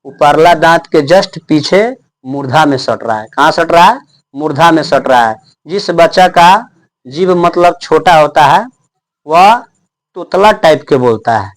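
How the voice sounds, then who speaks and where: A young man teaching a class in a slightly high voice. He poses a question and then answers it himself, and he drags out each letter as he sounds it. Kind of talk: classroom lesson.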